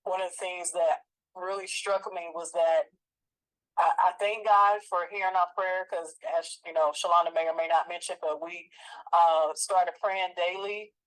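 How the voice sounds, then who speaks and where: A woman in her forties talking in a relaxed, reflective way about her own experience, with frequent fillers and restarts. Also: on the low side, moderate pace, rough recording. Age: 40s. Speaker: co-host. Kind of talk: casual conversation.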